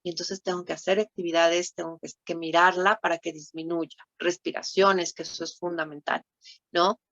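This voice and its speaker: A woman's voice: lowish voice, flat delivery, normal speed, creaky, no echo. Woman lecturer with a Mexican accent. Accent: Mexican Spanish. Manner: warm teaching tone with frequent tag questions. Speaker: thanatology lecturer. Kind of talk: conference talk. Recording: dull lo-fi sound, dry room.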